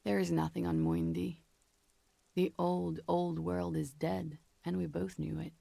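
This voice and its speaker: Flat, gravelly worldly woman. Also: fairly low pitch, a little slow, dry recording, heavily acted. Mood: wistful. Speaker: game character.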